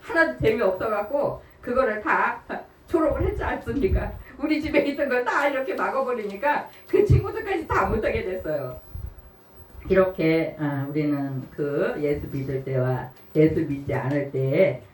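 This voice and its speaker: A woman's voice: mid-range voice, expressive, normal speed. A woman in her sixties gives a sermon in a conversational way, telling personal stories, laughing often and asking the congregation questions. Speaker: preacher. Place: church sanctuary. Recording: echoey church hall, mic far off, faint noise.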